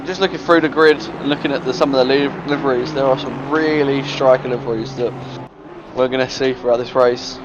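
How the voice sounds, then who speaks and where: A man co-commentating a sim race, hesitant and relaxed, often laughing along. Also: mid-range voice, fairly quick, highs cut off, noisy background.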